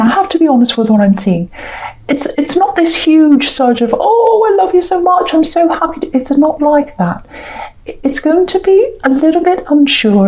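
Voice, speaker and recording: A woman's voice: fairly high pitch, warm tone, rough recording. A woman giving a mystical tarot reading in a conversational, unscripted way, explaining her intuitions hesitantly and reassuringly, often repeating herself. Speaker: tarot reader.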